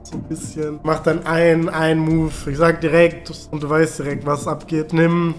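A man's voice: on the high side, completely flat delivery, moderate pace, faint music behind. A young man in casual gaming chat, talking as the opponent in a match. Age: young adult. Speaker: guest gamer, opponent in the match. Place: living room with large windows.

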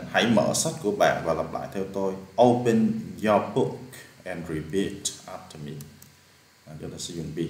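A man's voice: lowish voice, reverberant. A man with a Vietnamese accent, teaching as an English teacher and patiently walking through exercise answers step by step, repeating key words.

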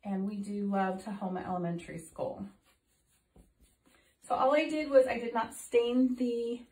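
In an echoey home studio, a middle-aged art teacher talks her way through a painting demo, chatty and full of filler ums. Her mid-range voice has a darkish tone and sounds a bit off after a recent illness. She's off to the side of an overhead phone camera, so her voice comes across off-mic.

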